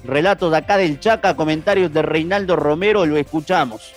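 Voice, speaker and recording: A man presents a sports radio segment in a high-pitched voice. Soft music plays behind him. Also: a little fast.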